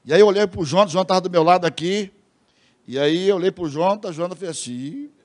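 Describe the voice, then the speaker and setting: A man's voice: sits high, quick pace. A Brazilian man preaching a sermon as pastor, telling a story and mimicking the people in it. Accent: Brazilian Portuguese. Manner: lively storyteller, mimics voices in quotes, addresses congregation as brothers.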